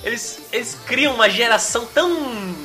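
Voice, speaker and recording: A Brazilian man co-hosting a podcast, chatting casually in an animated, rambling way. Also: extremely high pitch, normal speed, over music. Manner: animated, rambling, fillers of "cara". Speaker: podcast host. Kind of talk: casual chat.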